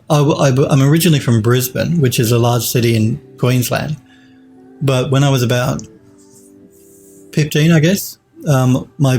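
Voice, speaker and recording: Australian male streamer, 40s, casual rambling chat, mid pitch, soft music bed. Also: creaky. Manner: rambling, chatty, many restarts and chuckles. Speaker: 3D modelling streamer. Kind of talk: casual live-stream chat reading viewer comments. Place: home studio at a desk.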